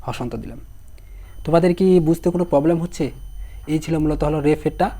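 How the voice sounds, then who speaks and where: A young man with a hoarse voice teaching an online exam-prep lesson, repeating each word slowly while spelling it out and asking his students questions. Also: a little high, warm tone.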